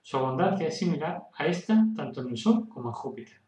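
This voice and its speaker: A man's voice: a little high, sing-song, quick pace, a little mellow, reverberant, recorded from a distance, poor audio. A man hosting a casual science explainer, talking loosely, restarting and stumbling on words. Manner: casual, stumbles and restarts, tells a joke as a dialogue. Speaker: host.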